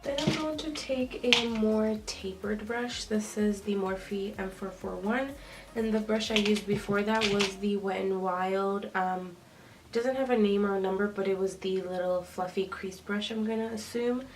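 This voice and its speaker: A young woman beauty vlogger chats casually through a makeup tutorial, her voice stuffy and nasal from a cold and full of ums as she applies her makeup. Her pitch is medium with fairly even intonation, and she speaks at a normal speed. The recording sounds slightly distant, with faint noise.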